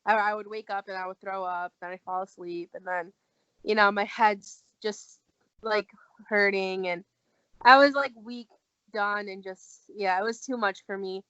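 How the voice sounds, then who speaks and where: A woman's voice: mid-range voice, a little slow, smooth, dry recording. A young adult woman telling a personal story in casual talk as a guest, acting out the lines she quotes. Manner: animated, acts out quoted dialogue. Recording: dull lo-fi recording.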